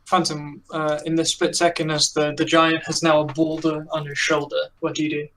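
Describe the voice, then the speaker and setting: A man narrating as dungeon master in an online tabletop game, halting with many ums and uhs. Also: on the high side, recorded from a distance, rough recording. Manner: relaxed, halting with many fillers.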